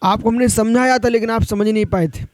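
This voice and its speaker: A man's voice: high-pitched, fairly even intonation, brisk. A man, a Jain monk, giving a sermon in an admonishing, direct way, rising sharply when he urges his listeners on.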